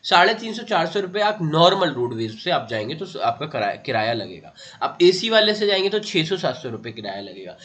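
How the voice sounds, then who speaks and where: Male exam-prep teacher, a touch higher than average, bright forward tone, patient and repetitive, calls students beta. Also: big pitch swings, a little fast, few pauses. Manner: addresses viewers as beta, repeats key facts, often adds "theek hai". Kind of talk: online exam-prep lesson.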